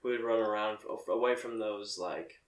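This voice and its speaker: A man's voice: fairly low pitch, a little fast. A man co-hosting a casual movie discussion podcast, agreeable and chiming in. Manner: agreeable, chiming in with short replies. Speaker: podcast co-host. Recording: echoey room, mic at a distance.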